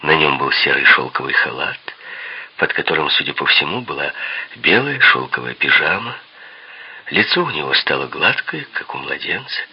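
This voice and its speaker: A man narrating a detective novel in a lively first-person reading. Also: rumbling low, moderate pace, breathy edge, lo-fi sound.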